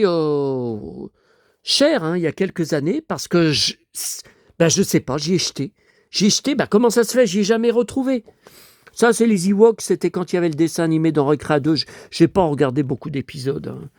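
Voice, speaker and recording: A man in his fifties from France, hoarse from a cold, rambling nostalgically with lots of asides as he shows off his collection. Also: a little high, no room sound, clean studio sound. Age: 50s. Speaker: collector showing his memorabilia. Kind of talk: casual collection show-and-tell.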